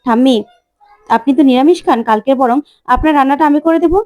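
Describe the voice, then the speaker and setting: A woman voicing a polite, gentle young bride in a soap-opera recap. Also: sits high, fast talker, lightly acted.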